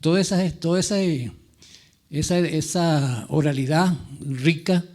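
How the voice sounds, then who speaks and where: Male novelist, relaxed warm timbre, slightly high pitch, halting, wandering personal reminiscence. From rural mountain highlands of Latin America. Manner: halting, repeats words, digressive. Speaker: novelist on a panel.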